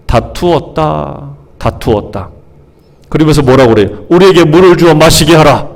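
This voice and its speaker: A male pastor preaching in a church with a fairly high, very lively voice that rises and falls widely. He asks the congregation questions and answers them himself, and sometimes acts out the grumbling crowd with a sudden jump in pitch. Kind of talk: sermon. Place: church sanctuary.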